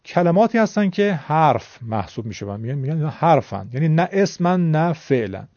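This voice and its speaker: A man's voice: on the high side, sing-song, a little mellow, no echo, dull audio. A man teaching a Quran reading lesson, explaining patiently and politely to his viewers.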